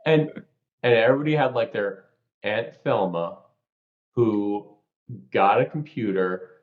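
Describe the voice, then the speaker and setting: A man from New York co-hosting a podcast, explaining ideas through lively stories and examples. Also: on the low side, unhurried. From New York, USA. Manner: animated storyteller, explains with examples. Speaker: podcast co-host. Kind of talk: casual podcast chat. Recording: roomy, slightly dull sound.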